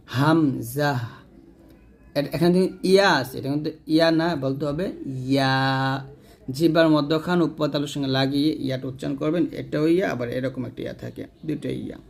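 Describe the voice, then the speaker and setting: A man's voice: a little high, gravelly. A man teaching Quran letter pronunciation step by step, sounding out each letter and answering his own questions.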